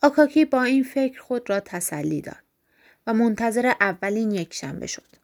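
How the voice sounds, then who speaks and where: Woman, audiobook narrator, measured, fairly high pitch. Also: expressive. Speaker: audiobook reader. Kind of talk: scripted narration.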